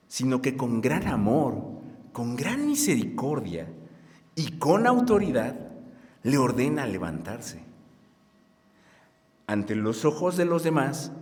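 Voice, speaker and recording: A man delivers a sermon at a measured, unhurried pace, his pitch moving widely as he swells to loud, emphatic peaks on key words. His voice carries a long reverberant tail, as if filling a large hall. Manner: slow, lively preaching with strong rises in loudness; leads the congregation in reading aloud. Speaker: pastor. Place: church hall at a conference.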